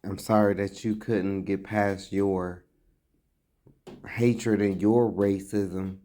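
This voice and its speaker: A man delivering blunt, emphatic vlog commentary in an unhurried, deliberate way. His voice sits somewhat low. He reads old scripture passages and then explains them in plain, direct talk. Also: little pitch movement, mellow. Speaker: vlogger giving commentary.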